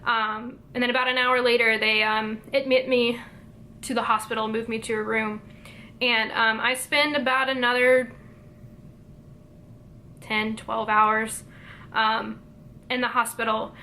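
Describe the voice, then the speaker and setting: A young woman telling a personal story to camera, hesitant and emotional, with many pauses and fillers. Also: on the high side, little pitch movement, bright, forceful tone, slight background noise. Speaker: vlogger.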